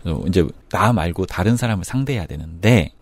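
Animated low-voiced man telling a story. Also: fairly quick, no echo. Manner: animated storyteller acting out phone calls. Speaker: guest, tattoo artist and union leader. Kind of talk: conversational storytelling.

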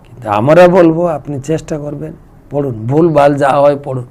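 A man's voice: on the high side, moderate pace, a little mellow. A man, a monk who reads out devotees' questions and answers them with homely examples in a devotional talk.

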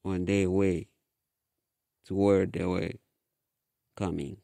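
A man reading his own story aloud in a slow, halting way with restarts. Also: low-pitched, little pitch movement, creaky, dark tone, no room sound. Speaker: author reading his book. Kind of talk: storybook narration.

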